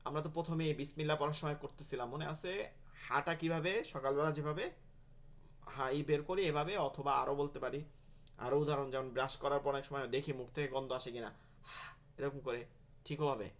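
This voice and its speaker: A man teaching Arabic letter sounds in an online class, slowly repeating each sound for his students. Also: medium pitch, steady tone. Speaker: Quran teacher. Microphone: video call.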